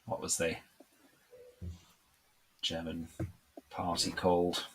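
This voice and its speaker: A man's voice: low voice, completely flat delivery, slow, background noise. A man co-hosting a casual live quiz lesson as a tutor, light-hearted and encouraging.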